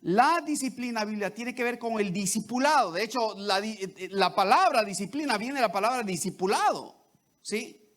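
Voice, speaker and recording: A man with a very high-pitched voice preaching a sermon. He speaks in a conversational way, with frequent restarts, and keeps checking in with the congregation through short tag questions. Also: animated, normal speed, a bit bright. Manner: repeats "¿verdad?" and "¿sí?" to the congregation, with many restarts.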